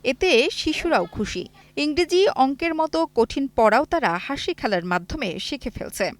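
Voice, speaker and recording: A woman reporter reading scripted news narration in a clear, lively way. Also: high voice, moderate pace, no room sound.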